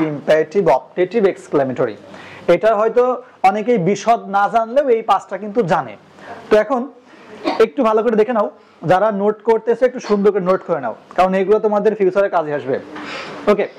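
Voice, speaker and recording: A man's voice: high-pitched, darkish tone. A young Bangladeshi man with a Bengali accent teaching a coaching class, quizzing students and repeating their answers. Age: young adult. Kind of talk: classroom lecture.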